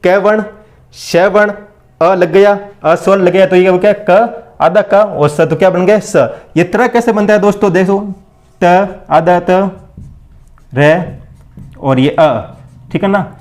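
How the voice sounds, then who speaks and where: Teaching an exam-prep lesson at the blackboard, a man with a high, darkish voice speaks unhurriedly and leaves long pauses. He drills in call-and-response fashion, repeating every question and answer, and he keeps calling his listeners friends.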